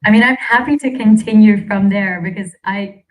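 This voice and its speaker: A woman from South Africa on a panel discussion, talking in a lively, conversational way. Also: medium pitch, normal speed, low-quality recording.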